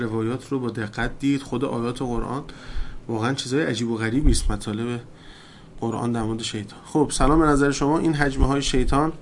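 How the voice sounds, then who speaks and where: A man teaching religion in a question-and-answer session, turning loud and emphatic as he preaches. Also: mid-range voice, slight background noise.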